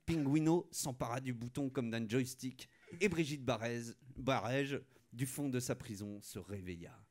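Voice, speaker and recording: A man's voice: medium pitch, a little slow, a little mellow. A man narrating a comic radio sketch, wry, with asides to the listener. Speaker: comedian narrator.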